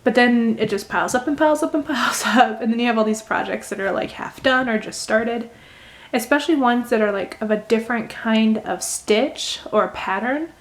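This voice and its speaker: A woman's voice: fairly high pitch, moderate pace. A woman hosting a casual crochet tutorial, chatting as she talks through each step. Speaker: crochet video host.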